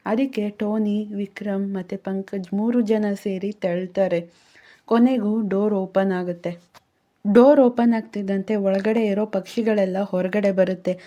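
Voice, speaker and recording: Woman narrating a story, warm mellow voice, steady, kinda muffled audio. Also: medium pitch, unhurried. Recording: dull lo-fi sound.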